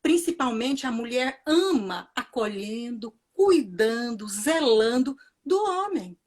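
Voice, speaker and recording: A woman with a fairly high voice and a Brazilian Portuguese accent gives a reflective talk at a commemoration. She speaks earnestly and circles back to key phrases, repeating them for emphasis. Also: expressive, takes it slowly.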